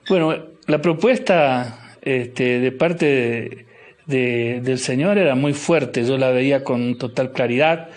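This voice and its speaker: Middle-aged Argentine man, bishop guest, unhurried and reflective, mid-pitched voice. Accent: Argentine Spanish. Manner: slow, thoughtful, with frequent restarts and fillers. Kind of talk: interview guest.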